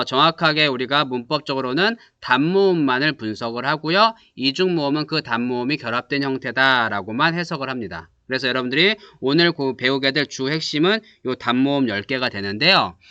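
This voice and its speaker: Lively, bright-voiced male teacher. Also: medium pitch, clear, resonant tone, no echo, dull audio. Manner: explains step by step, asks students quick check-questions; models vowel sounds aloud for students to repeat. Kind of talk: classroom lecture.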